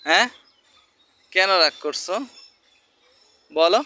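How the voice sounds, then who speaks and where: A man's voice: high voice, takes it slowly, pushed and bright, no echo. A man vlogging casually while coaxing and scolding a small child. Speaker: vlogger and parent. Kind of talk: casual handheld vlog talk.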